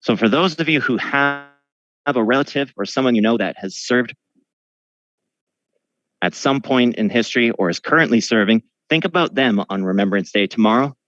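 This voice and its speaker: A man's voice: medium pitch, expressive, normal speed, a bit bright, no room sound, dull audio. A man guiding a museum tour, earnestly and solemnly retelling a wartime story.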